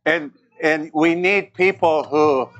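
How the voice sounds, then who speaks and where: A man preaching a sermon in short, earnest phrases, pausing so an interpreter can translate. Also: fairly high pitch, a bit bright, dull audio. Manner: earnest, repeats words.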